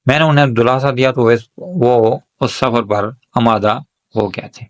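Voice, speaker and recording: A man narrating an emotional moral story in the first person as a young woman, in a steady, emotional reading voice. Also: medium pitch.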